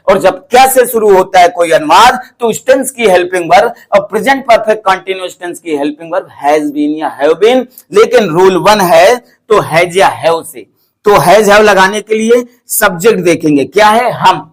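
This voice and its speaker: A man teaching English grammar to students, asking questions and answering them himself in an animated, coaxing way. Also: sits high. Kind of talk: classroom-style grammar lesson.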